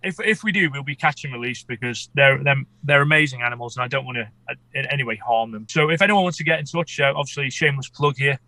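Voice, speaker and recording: A man's voice: mid-range voice, fast, hardly any pauses, bright, forceful tone, no echo, rough recording. A man chatting casually as an interview guest, congested with a head cold so he sounds underwater. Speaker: podcast guest, amateur shark expedition filmmaker.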